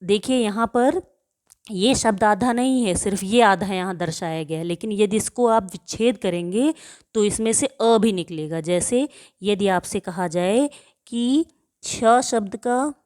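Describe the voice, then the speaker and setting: A woman's voice: mid-range voice, a little mellow. A woman teacher giving a grammar lesson to children, asking questions and answering them herself, and stretching out example words so pupils can hear how they are pronounced. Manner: slow and deliberate, repeats questions and answers to drill pupils.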